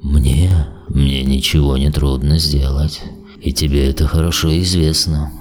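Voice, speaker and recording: A man voicing a cold, imperious, mocking devil in an audiobook, speaking in a slow, low, contemptuous drawl. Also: level tone, darkish tone, faint music behind. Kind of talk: audiobook character voice.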